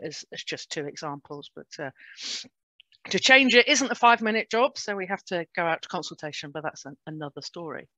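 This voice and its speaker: A woman's voice: lowish voice, fairly bright tone, no echo. A woman with a British English accent giving an informal slide presentation over a video call. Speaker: presenter, port safety officer's assistant. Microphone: video call microphone. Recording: dull, dry webinar audio.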